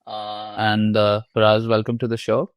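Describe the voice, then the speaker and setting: A man hosting a podcast interview, talking in a loose, halting way with many fillers. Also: lowish voice, completely flat delivery, clean tone, no echo, lo-fi sound. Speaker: podcast host. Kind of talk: casual interview chat.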